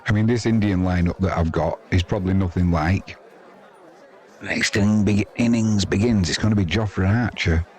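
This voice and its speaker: With crowd noise in the background, this low-pitched man speaks at a moderate pace in a darkish tone. He's English, hosting a live sports stream and riffing casually on the cricket in a rambling, matey way.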